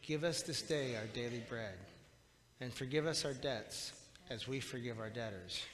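A middle-aged man leads the congregation in prayer, earnest and a little halting, with a mid-range voice. He is caught by a camera at the back of a small church, so his voice rings in a long hall reverb. A faint hiss sits under it. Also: mid-range voice, fairly bright tone. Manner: earnest, halting with repeated words. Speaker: pastor. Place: small church sanctuary, indoors. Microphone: far camera at the back of the church.

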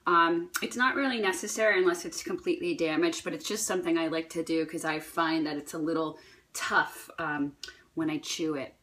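A woman's voice: deep voice, fairly even intonation, a little fast, a bit bright. A woman with a New Jersey accent, talking her viewers through foraging and cooking mushrooms in a chatty, playful, rambling way. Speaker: holistic health vlogger. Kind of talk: casual cooking and foraging vlog.

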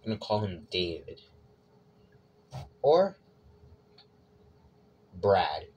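A man's voice: fairly low pitch, expressive, measured pace, highs cut off. A man hosting a casual cooking vlog, talking through his steps with joking, self-mocking asides. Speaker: cooking vlogger. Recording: loud background noise.

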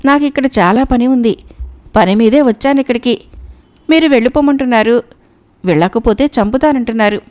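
A woman's voice: fairly high pitch, moderate pace, pauses often, a little mellow, natural voice. A woman voicing a sly male cat who poses as pious and meek, talking in a fawning, pleading way. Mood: pleading flattery. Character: sly male cat feigning holy meekness.

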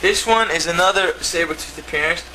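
Crowd noise can be heard as a man with a fairly high voice talks a little fast, showing off his comics in a put-on TV-presenter style. It's an old VHS home video taped indoors at home, with the camcorder mic far across the room and plenty of tape hiss.

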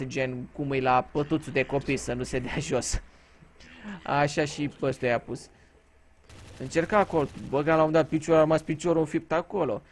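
A man from Romania giving casual gameplay commentary, telling crude, joking stories and swearing freely. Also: fairly high pitch. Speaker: gaming YouTuber.

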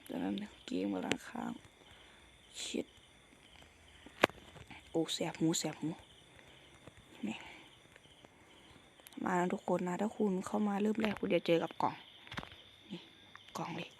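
A man's voice: high voice, vocal fry, a little mellow, a little hiss or hum. A man giving a casual game walkthrough, rambling and jokey, often dropping to a whisper. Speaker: game channel host.

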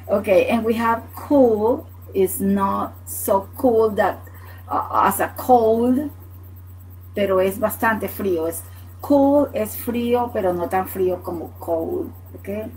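A woman's voice: medium pitch, darkish tone, husky, rough recording. A woman from Latin America teaching English words in Spanish on a live online class, explaining patiently and checking in with "ok?" after each point. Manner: answers viewers' questions by name. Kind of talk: live online language lesson.

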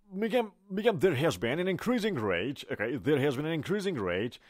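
Lively man teaching vocabulary. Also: medium pitch, no echo, clean studio sound. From Iran. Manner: animated, repeats words for pronunciation and switches between Persian and English. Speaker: English teacher. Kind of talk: vocabulary lesson explaining words with examples.

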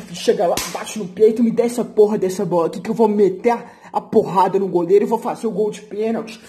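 A man's voice: very high voice, a little mellow. A young man, an athlete vlogger, giving a brash, profane, slang-filled motivational rant and boasting about himself.

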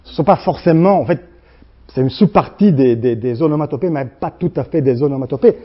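Slovene guy w slavic accent lecturing, highish voice, lots of uh and restarts, muffled lo-fi rec. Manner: halting, many restarts and fillers, acts out sounds. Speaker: guest lecturer. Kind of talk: university lecture.

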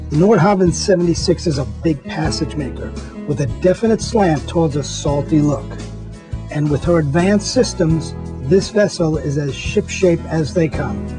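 A magazine editor gives an upbeat tour of a boat, pointing out its features one by one for viewers. He has a high voice.

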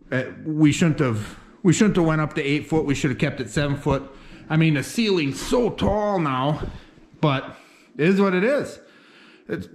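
A homesteader vlogger with a slightly high voice gives a casual walkthrough, first outdoors in the snow and then inside an unfinished wooden barn loft. He's folksy and plainspoken, rambling with fillers, recorded on a handheld or head-mounted action camera.

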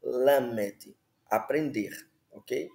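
A man's voice: medium pitch, extremely slow, gravelly, mellow, reverberant. A man teaching the Hebrew alphabet, patiently repeating words and checking in with listeners. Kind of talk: slow classroom explanation.

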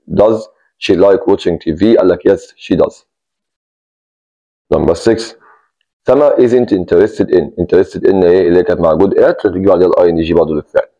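Deep-voiced Egyptian teacher explaining grammar. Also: male voice, fairly even intonation, quick pace, dark tone, dull audio. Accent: Egyptian Arabic. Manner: explains step by step, repeats key words, stresses "take care". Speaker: English teacher. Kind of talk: grammar lesson.

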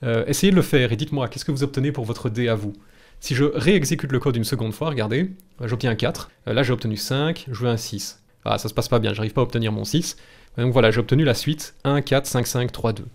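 A man in his thirties with a Belgian French accent teaches statistics in a live, informal tutorial, explaining step by step from a small room at home. Sitting close to the mic, he talks fast at a medium pitch, keeping things chatty, reassuring, casually blunt, and jokey.

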